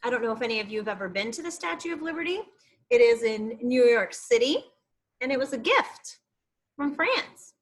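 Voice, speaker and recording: With a voice on the high side and a slightly quick pace, a female teacher reads an informational book to little ones. She explains expressively and chats to her pupils in asides along the way.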